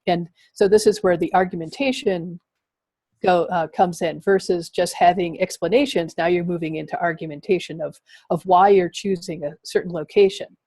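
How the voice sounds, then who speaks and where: A woman's voice: lowish voice, normal speed, a little mellow, breathy edge, dry recording. A woman presenting slides in an education webinar, explaining with frequent ums and uhs.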